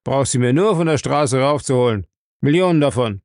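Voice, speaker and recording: A man reading aloud and voicing a crude, mean self-made boss who speaks in a rough, coarse, dismissive way. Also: medium pitch, animated, fairly quick, a little mellow, no room sound, clean studio sound, lightly acted. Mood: contemptuous. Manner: gruff and dismissive.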